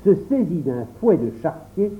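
A man reading a classic storybook aloud in the first person, with expressive storytelling. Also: on the high side, normal speed. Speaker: audiobook reader. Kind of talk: storybook narration. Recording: tinny phone-like audio.

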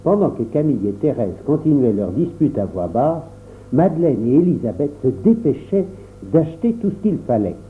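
A man narrates a children's story in a measured, storytelling way. His pitch is animated and varied. The sound is thin and phone-like. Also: a little hiss or hum. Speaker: audiobook narrator. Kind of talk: reading a children's novel aloud.

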